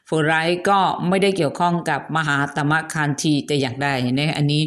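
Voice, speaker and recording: A woman's voice: low voice, fairly quick. A woman host narrating a history story in a chatty, polite way, adding asides and courteous particles.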